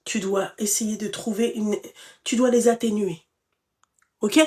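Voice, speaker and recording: A woman hosting a live stream, giving blunt, familiar advice to a caller, full of endearments and animated outbursts. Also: medium pitch, measured pace. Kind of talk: casual live advice chat.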